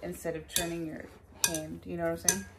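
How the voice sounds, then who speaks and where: A woman's voice: fairly low pitch, flat delivery, a little fast, heavy background noise. A woman hosting a casual home cooking tutorial, chatty and instructive as she guides a helper step by step. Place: home kitchen. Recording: kitchen clatter of dishes and utensils. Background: clinking dishes and cutlery.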